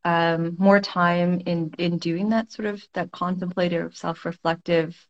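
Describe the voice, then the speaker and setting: A woman's voice: lowish voice, steady tone, measured pace, highs cut off. A woman guest in a casual conversation, thinking aloud in a reflective way, with frequent fillers and restarts. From Toronto, Canada.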